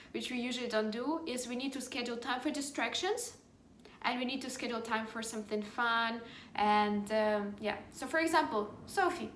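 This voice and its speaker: A woman's voice: a little high, a bit bright, a little hiss or hum. Upbeat British-accented woman, echoey room. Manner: upbeat, encouraging, many "like" fillers. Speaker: life coaching program host. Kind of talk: motivational vlog talk to followers.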